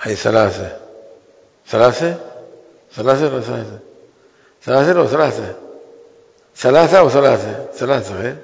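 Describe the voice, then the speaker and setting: A man gives a seminary law lecture in a gravelly, creaky voice. He draws out the important terms slowly, then hurries through side remarks. A long hall reverb trails each phrase. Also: medium pitch, expressive, highs cut off. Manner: slow, drawn-out stresses on key terms with sudden quick asides. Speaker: religious law teacher.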